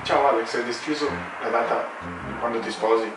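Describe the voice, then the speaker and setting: A man's voice: mid-range voice, moderate pace. Young man joking, holding back laughter, echoey. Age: young adult. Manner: amused, trying not to laugh. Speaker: contestant in a joke challenge. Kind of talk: casual joke-telling with a friend. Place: home kitchen, indoors at a table. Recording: echoey room, distant mic, music behind.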